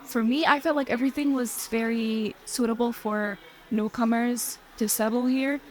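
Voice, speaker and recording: A woman's voice: on the high side, steady tone, moderate pace, low-quality recording. Thoughtful woman newcomer. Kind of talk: documentary interview.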